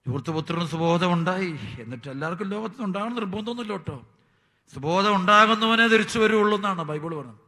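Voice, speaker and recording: A priest preaches with fervor, his voice pitched high and cutting hard, surging into bright, forceful peaks before dropping to near-whispers. He speaks to his listeners as his children. A long hall reverb trails behind every line. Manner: impassioned preaching, swinging from loud high bursts to hushed low lines; addresses listeners fondly as children. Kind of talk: sermon.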